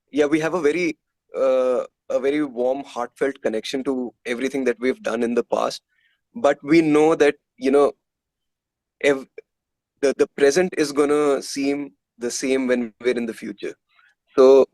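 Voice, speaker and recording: With an Indian accent and a medium-pitched, slightly mellow voice, a man answers interview questions candidly and conversationally, often repeating words while he thinks. He is the musician guest, a guitarist and composer in a metal band. There is no room sound.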